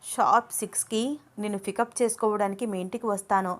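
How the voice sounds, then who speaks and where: A woman voicing an excited, stylish young woman who talks to herself while waiting on a man. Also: medium pitch, fairly quick, close to an everyday voice. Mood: eager.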